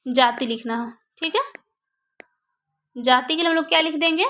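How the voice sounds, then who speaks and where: A woman's voice: high-pitched, normal speed, bright, forceful tone. A woman teaching a grammar lesson for exam preparation, who asks questions and answers them herself.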